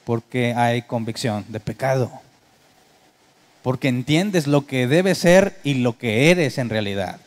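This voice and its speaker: A man's voice: mid-range voice, expressive, takes it slowly. A male pastor preaching a sermon, talking in a conversational way and often asking his congregation rhetorical questions. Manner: mimics worship keyboard sounds for comic effect.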